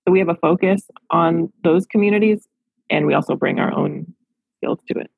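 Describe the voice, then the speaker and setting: A woman in her thirties speaks as a therapist in an interview, reflective and earnest. Her voice is low-pitched and husky, with a gravelly edge. The recording is dry and close. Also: very animated, normal speed, no room sound, narrow, tinny audio. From Los Angeles. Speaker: therapist and practice owner. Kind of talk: podcast interview answers.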